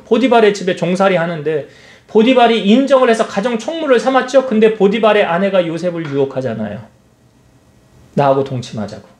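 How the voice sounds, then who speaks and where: Rhetorical questions pour from a senior pastor during his sermon; his voice is high and animated, swooping up and down, and it reverberates around the church hall.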